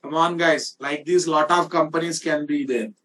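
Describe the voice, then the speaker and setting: An Indian-accented programming teacher lectures informally on screen, stressing and repeating ideas while checking with students often. His fairly high, slightly bright voice has fairly even intonation at normal speed. The distant mic carries a little hiss or hum.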